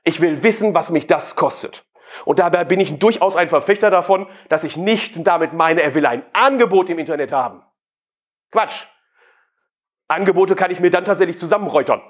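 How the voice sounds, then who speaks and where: High-voiced man, husky, provocative speaker. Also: a little fast. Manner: provocative, asks the audience questions. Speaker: sales speaker. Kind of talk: live keynote talk to an audience.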